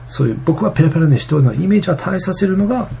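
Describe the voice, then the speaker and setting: Fast, gravelly, husky-voiced man. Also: a little high, lively intonation, warm tone, a little hiss or hum. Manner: rambling, many fillers and restarts. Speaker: vlogger. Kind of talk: casual vlog monologue.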